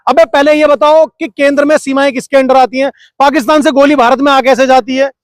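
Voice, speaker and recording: A man being interviewed, arguing his point forcefully and firing off rhetorical questions while refusing to be cut off. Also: very high voice, little pitch movement, fairly quick, no echo, clean studio sound. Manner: argumentative, fires rhetorical questions, keeps talking over interruptions. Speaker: interview guest. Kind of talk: heated political interview.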